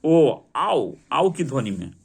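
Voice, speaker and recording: A man's voice: mid-range voice, big pitch swings, slow, gravelly. A man teaching English vocabulary to a class, drilling word meanings and asking students to repeat them.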